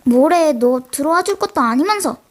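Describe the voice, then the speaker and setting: A teenage girl with a mild sore throat performs a scripted solo role-play as a livestreamer, chatting with and scolding imaginary viewers directly. Her voice is high with lively intonation at a moderate pace.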